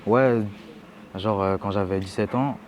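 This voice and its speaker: Hesitant young man, low voice, slangy. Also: unhurried, a little mellow, slight background noise. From Rennes, France. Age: young adult. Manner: hesitant, many fillers and restarts, slangy. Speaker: young rapper guest. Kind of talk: casual interview chat.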